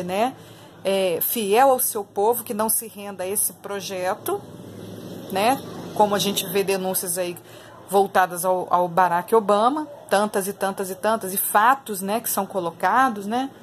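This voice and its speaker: A slightly high-voiced Brazilian woman, an online political commentator with a Brazilian Portuguese accent, speaks casually and emphatically to her audience, voicing firm opinions and repeating phrases for emphasis. A little hiss or hum sits under the recording.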